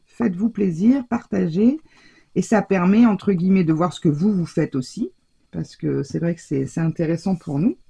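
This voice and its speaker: Chatty french-speaking lady doing a craft tutorial, lots of euh and restarts, soft husky voice. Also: medium pitch. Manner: chatty, rambling, many fillers and self-corrections. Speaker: crafting channel host. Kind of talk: casual crafting tutorial chat.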